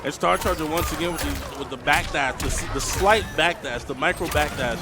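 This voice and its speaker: A man commentates a fighting game match live. His voice is a little high, and he breaks down tactics in an analytical, conversational manner. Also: a little fast. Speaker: esports commentator.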